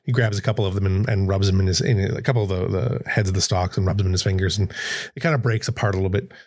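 A man's voice: sits low, steady tone, rapid-fire, darkish tone, dry recording. A man narrating a tabletop game as game master, hesitant, with many fillers and restarts. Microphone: streaming mic.

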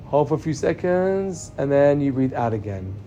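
A man guides a relaxation meditation in a calm, soothing manner. His voice sits at a medium pitch. Plucked guitar music is clearly heard behind his instructions. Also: moderate pace. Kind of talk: guided meditation and body scan.

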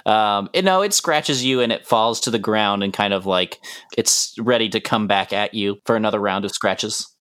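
A man with a lowish voice works as game master. He narrates the tabletop action casually, in plain conversational phrases. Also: normal speed, a bit bright.

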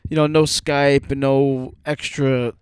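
A man's voice: mid-range voice, little pitch movement, slow, a little mellow, smooth, no echo, studio quality. A man hosting a podcast in a casual, informal chat style. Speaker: podcast host.

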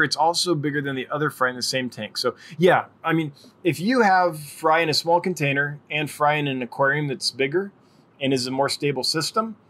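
A man's voice: fairly high pitch, fairly bright tone. A middle-aged man hosting a casual live-stream Q&A, chatty and friendly, rambling as he answers viewers' questions. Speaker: livestream host.

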